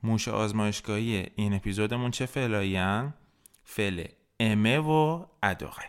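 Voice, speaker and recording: A man's voice: fairly low pitch, smooth. A man teaching French in a podcast lesson, patiently explaining grammar step by step and modeling words for the listener to repeat. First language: Persian.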